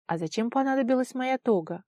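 A woman's voice: on the high side, animated, brisk, dry recording, voice pushed up. A woman voicing a loyal, flustered young man, a childhood friend, in a storybook reading. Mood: grumbling. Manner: shouting over the wind.

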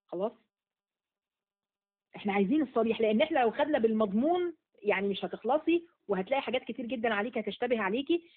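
A woman with an Egyptian accent teaching an online Quran lesson, asking quick questions and repeating key words. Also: fairly high pitch. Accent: Egyptian Arabic. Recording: phone-like narrow audio.

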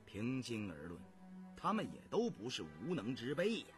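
Man doing a quiet wistful prince. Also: huge pitch swings, moderate pace, music in the background. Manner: low, soft and wistful. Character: gentle loyal male prince, quiet and wistful.

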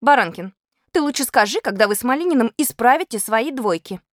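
A woman's voice: a little high, lively intonation, a little fast, no echo, clean studio sound, pitched above the performer's own voice, natural voice. A woman voicing a prim, strict schoolgirl who is indignant at her classmates.

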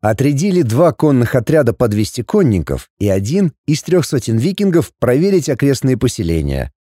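A man reading an audiobook as narrator, telling the story in an expressive, wry way. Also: medium pitch, normal speed, dry recording, clean studio sound.

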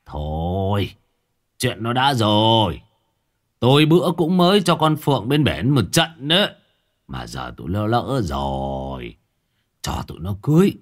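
A man reading a story, voicing a hearty, talkative older village father who chats warmly with his friend. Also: fairly low pitch, sing-song, measured pace. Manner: hearty, chatty.

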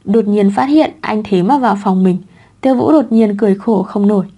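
A woman narrating a romance story as a scripted audiobook, in a steady, even reading tone. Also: medium pitch, fairly quick, slightly rough.

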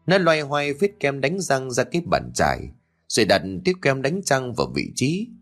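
Man narrating an animated story. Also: medium pitch, normal speed, faint music behind. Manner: expressive, animated reading.

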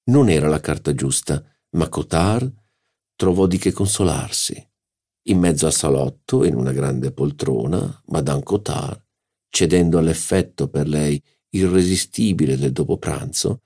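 A man reading a classic novel aloud in a measured, even narration. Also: very deep voice, slightly rough. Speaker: audiobook narrator. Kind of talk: literary audiobook narration.

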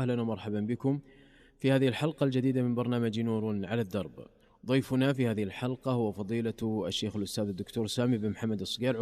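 A male radio host speaks formal Standard Arabic at a brisk pace. His voice is mellow and mid-pitched, with a courteous delivery. The sound carries a long reverberant tail. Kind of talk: formal Standard Arabic presenting, reading listener questions.

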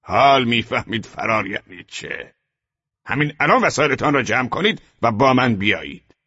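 A brutal SS officer barks and jeers in a high, strained shout, stretching each word with scorn, as a male narrator puts him on. The voice keeps a husky grain, and the recording sounds dull and lo-fi. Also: sing-song, heavily acted. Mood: scornful. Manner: barking, drawn-out mocking shouts. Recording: dull lo-fi audio.

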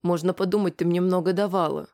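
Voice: medium pitch, fairly even intonation, quick pace, darkish tone, natural voice. Reader doing a strained, timid young woman. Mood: distressed. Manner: strained, on the edge of tears.

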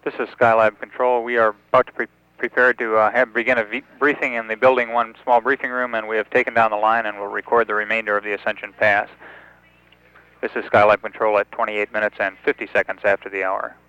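A man giving live mission status commentary as a control announcer, procedural and sometimes halting. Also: on the low side, level tone, pushed and bright, clean tone. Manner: halting, procedural, reads out times. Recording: dull, band-limited radio-style announcement feed.

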